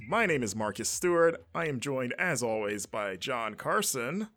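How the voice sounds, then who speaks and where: Bright-voiced male podcast host. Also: medium pitch, very animated, unhurried. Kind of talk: casual hosting chat.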